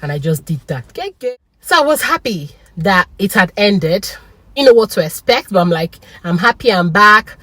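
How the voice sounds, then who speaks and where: A woman tells a personal story in a casual vlog. She talks in an excitable, animated way and breaks into laughter often. Her voice sits at a middle pitch, and the recording is dry, with no room echo. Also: normal speed. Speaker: vlogger.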